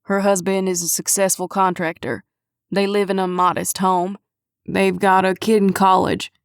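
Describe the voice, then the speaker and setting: A woman doing a wry gravelly police chief. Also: mid-range voice, little pitch movement, moderate pace, no echo, clean studio sound, close to an everyday voice. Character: dry, teasing middle-aged male police chief. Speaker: audiobook narrator. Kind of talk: audiobook character voice.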